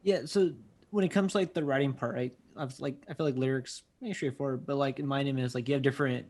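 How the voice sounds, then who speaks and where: A man's voice: mid-range voice, steady tone, fast, a little mellow. Laid-back male podcast host. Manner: laid-back, curious, many fillers. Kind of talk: casual interview chat.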